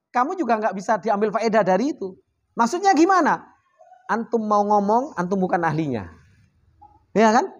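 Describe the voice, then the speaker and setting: In this casual religious study talk, a man with an extremely high-pitched voice teaches an Islamic circle with energy. He poses rhetorical questions to listeners and recites Arabic phrases, then unpacks their meaning.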